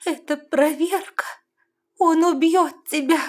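A woman voicing a fragile young princess who pleads with her mother in high, tearful cries. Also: steady tone, normal speed, a little mellow, natural voice. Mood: desperate. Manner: high, pleading, sobbing outbursts.

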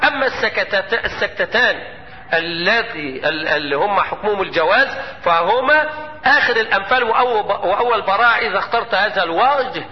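High-voiced Egyptian sheikh teaching tajweed. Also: male voice, expressive. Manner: quizzes his students with quick questions and chants examples slowly. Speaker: Quran recitation teacher. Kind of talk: Egyptian Arabic tajweed lecture with chanted verses. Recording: dull lo-fi lecture hall with long reverb.

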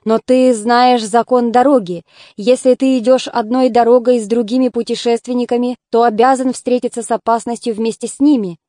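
A woman's voice: on the high side, steady tone, moderate pace, dark tone, no echo, studio quality, close to an everyday voice. A woman reading the lines of a proud, angry male warrior who speaks sternly.

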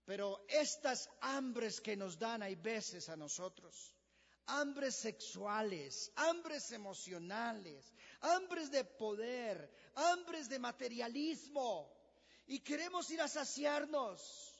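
High-voiced preacher in an echoing hall. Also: male voice, animated, slow pace, a bit bright. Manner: emphatic preaching, acting out stories. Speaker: pastor. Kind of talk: sermon. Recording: dull, echoey hall recording.

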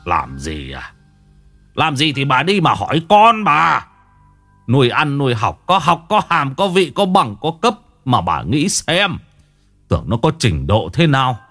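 A man voicing a furious old father who shouts and scolds his son, with faint music behind. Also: medium pitch, pitched above the performer's own voice. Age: older.

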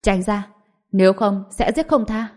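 A cold, taunting male villain from a martial-arts storybook, read by a woman. His lines come quicker than the narration, pressed and cutting, over a mellow, dark tone. He sounds sure he cannot lose. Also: mid-range voice, close to an everyday voice.

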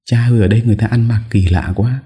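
A man's voice: on the low side, fairly even intonation, rapid-fire, dark tone, voice pushed up, natural voice. A man voicing a curious small child who asks one question after another, with his voice raised well above his own.

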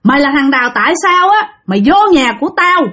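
A woman's voice: big pitch swings, quick pace, bright, forceful tone, exaggerated voice. A woman voicing the furious ghost of a dead mother, scolding. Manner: shrill scolding tirade.

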